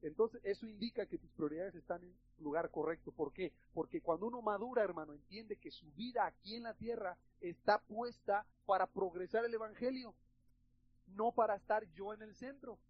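A man's voice: high voice, normal speed, breathy edge, dull audio. A male pastor with a Mexican Spanish accent preaches emphatically and conversationally, often calling the listeners brothers. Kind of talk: sermon.

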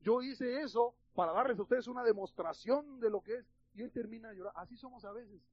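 Mexican pastor giving a sermon, high husky voice, keeps saying brothers, kinda lo-fi sound. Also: male voice, brisk, no echo. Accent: Mexican Spanish. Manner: emphatic, conversational, addresses listeners as brothers.

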